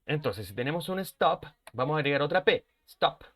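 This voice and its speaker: A man who speaks natively, teaching a live online English lesson, explaining in mixed with English and slowly repeating example words. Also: fairly high pitch, expressive, fairly bright tone. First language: Spanish.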